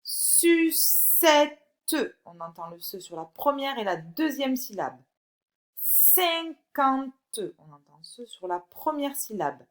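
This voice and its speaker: A woman teaching a recorded phonics lesson to young children, reading words slowly and clearly and encouraging the child directly. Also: fairly low pitch, expressive. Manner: slow, clear, drawn-out word by word reading. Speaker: primary school teacher.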